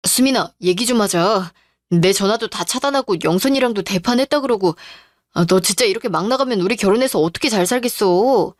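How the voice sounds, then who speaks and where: A woman's voice: mid-range voice, a little fast, no room sound, clean studio sound, natural voice. A woman voicing an entitled, pushy young male fiancé in a radio drama, talking in a self-pitying way.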